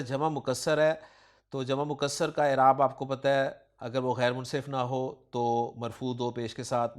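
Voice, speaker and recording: A man with a Pakistani Urdu accent teaching Quranic grammar, quizzing his student and praising each answer. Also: mid-range voice. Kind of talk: question-and-answer grammar lesson.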